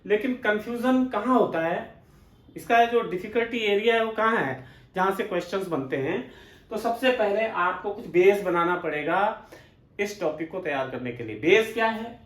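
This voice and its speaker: A man's voice: high-pitched, a bit bright, reverberant. A man with an Indian English accent teaching English grammar as a classroom lecture, explaining step by step and asking and answering his own questions.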